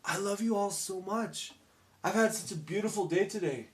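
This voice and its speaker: A man in his twenties, a live streamer, chatting casually and rambling to his viewers in an upbeat way, often dropping to a soft near-whisper. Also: high-pitched, normal speed. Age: 20s.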